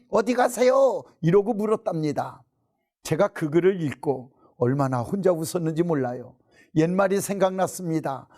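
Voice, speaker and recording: A man's voice: a little high, mellow. A middle-aged male pastor giving a folksy, story-driven sermon talk. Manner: folksy storytelling, acting out quoted voices. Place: broadcast studio.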